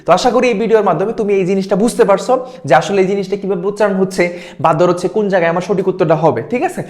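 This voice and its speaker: A man's voice: sits high, darkish tone. A man teaching an exam-prep lesson, repeating words and checking in with his students. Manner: quick, repeats words, asks "ঠিক আছে?". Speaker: admission test tutor.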